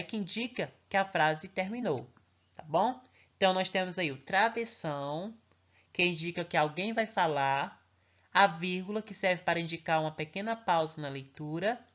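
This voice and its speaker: A man teaching a grammar lesson to young children, reading example sentences slowly and with emphasis and checking in often with the class. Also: sits high, fairly bright tone, lo-fi sound. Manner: patient, reads examples slowly and emphatically, frequent check-in questions. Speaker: primary school teacher.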